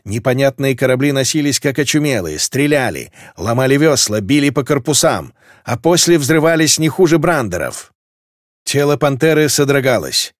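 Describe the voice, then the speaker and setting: Brief: male narrator, lively animated delivery, dry close recording. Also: medium pitch, normal speed, no echo. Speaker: audiobook narrator. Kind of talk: scripted narration.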